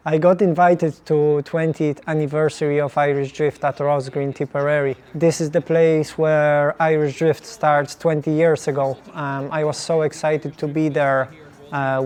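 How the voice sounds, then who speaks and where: A man's voice: fairly high pitch, little pitch movement, moderate pace, darkish tone, clean tone. A man from Poland with a Polish accent, a drift driver plainly narrating his own documentary in simple English.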